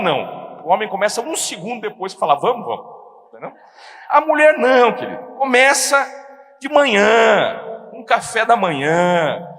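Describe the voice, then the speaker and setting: A middle-aged Brazilian man preaching a sermon, telling stories with acted-out dialogue. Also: high-pitched. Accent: Brazilian Portuguese. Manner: animated storytelling, acting out dialogue. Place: church hall. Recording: long church hall reverb.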